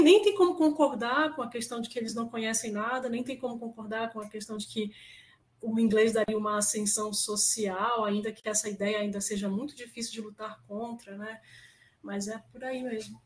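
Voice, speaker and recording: A woman's voice: a little high, low-quality recording. Woman moderating a seminar. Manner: quick, hesitant, inviting the audience to speak. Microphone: video call.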